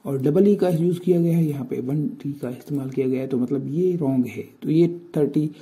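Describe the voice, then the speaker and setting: A young man with a Pakistani Urdu accent leads a casual spoken lesson. His voice is very dark and mellow, set a little high for a man. He explains slowly, repeating each word and spelling it out letter by letter. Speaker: tutor.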